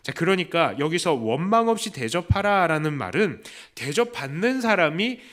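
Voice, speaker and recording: A male pastor delivers a Sunday sermon in a fairly high voice that rises and falls a great deal. He keeps asking his listeners questions and jumps up to act out the voices of the people he quotes. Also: normal speed. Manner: lively preaching with questions to the congregation; acts out quoted voices with raised pitch. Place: church.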